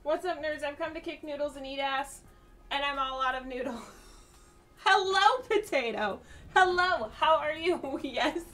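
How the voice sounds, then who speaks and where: Loud high-voiced woman streamer, swearing. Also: moderate pace, recorded from a distance, soft background music. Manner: loud, swearing, laughing outbursts. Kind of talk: casual gameplay chat.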